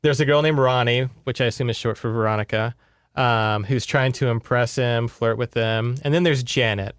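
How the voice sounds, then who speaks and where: On a podcast he co-hosts, a man recaps a book in a relaxed, chatty, conversational style. His mid-range voice is clear and resonant, with fairly even intonation and a moderate pace, captured in a dry, clean studio recording.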